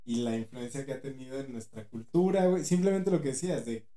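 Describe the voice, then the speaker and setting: A man's voice: medium pitch, fast, mellow. A man with a Mexican Spanish accent co-hosting a podcast in casual chat, slangy, often agreeing with his partner. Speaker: podcast co-host. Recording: echoey room.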